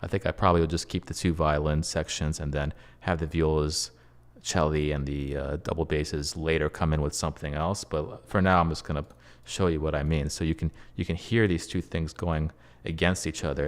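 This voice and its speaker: A man composing at his computer, talking through his process casually and muttering and humming phrases as he writes. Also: extremely low pitch. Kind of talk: casual screen-share tutorial, thinking aloud.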